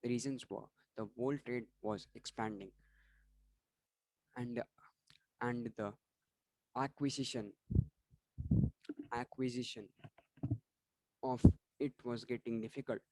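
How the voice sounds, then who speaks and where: A man's voice: mid-range voice, steady tone, takes it slowly, long pauses, darkish tone, dry recording, poor audio. A man going through exam questions and answers for students in an online revision lesson, often restarting words and apologizing for slips. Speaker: online tutor.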